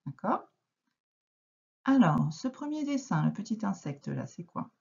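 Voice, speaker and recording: A woman teacher with a French accent, gently guiding a young child through a phonics lesson, encouraging and repeating words slowly. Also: medium pitch, big pitch swings, creaky, lo-fi sound. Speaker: primary school teacher.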